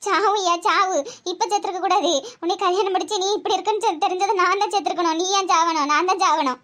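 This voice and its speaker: The woman behind this comedy cartoon role plays a scolding, anguished middle-aged mother and wife whose Tirunelveli Tamil accent comes out shrill and wailing. Her pace is quick, her tone steady and a bit bright.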